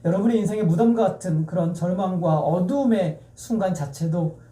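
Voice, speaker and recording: A man's voice: sits high, normal speed, warm tone, far from the mic. A male pastor preaching an emphatic sermon, repeating key phrases and asking the congregation questions. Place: church sanctuary. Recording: echoey church sound heard from afar.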